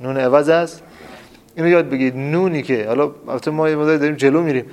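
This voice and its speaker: A male teacher with a slightly raised pitch runs a classroom lesson. He quizzes the room over and over, repeating key terms with emphasis. Students are present, and he often answers his own questions. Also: steady tone, a little mellow. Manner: emphatic, drills terms aloud.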